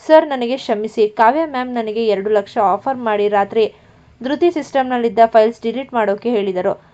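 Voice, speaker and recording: A woman's voice: a little high, normal speed, warm tone, lightly acted. A woman voicing a frightened male office tech worker pleading and confessing, in a storybook reading with a muffled lo-fi sound. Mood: fearful. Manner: fearful, pleading. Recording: muffled lo-fi recording.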